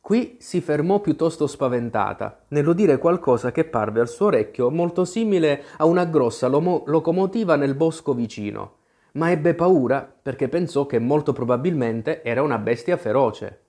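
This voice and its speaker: A storybook narrator reading in a measured, expressive manner. The voice moves lively up and down, mid-pitched. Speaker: audiobook narrator.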